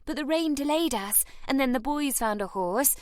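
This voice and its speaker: Eldest girl, 12, earnest and responsible, raised pitch; a woman narrator puts her on. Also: lively intonation, moderate pace, darkish tone, no room sound, clean studio sound. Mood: apologetic. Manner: responsible, apologetic. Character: earnest twelve-year-old eldest girl.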